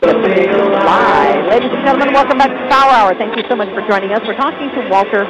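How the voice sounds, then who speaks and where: A man hosting a radio talk show, announcing breaks and introducing his guest in a brisk, announcer-like way. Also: extremely high pitch, over loud music. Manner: brisk, announcer-like, spells things out. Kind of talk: radio host patter. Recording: noisy radio broadcast.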